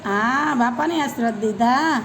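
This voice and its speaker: A woman's voice: on the high side, measured pace, fairly bright tone, poor audio. A woman talks a child through a home worship ritual. She repeats short commands in a coaxing, directive way. Faint background noise sits under her voice. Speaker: family member guiding a child's worship.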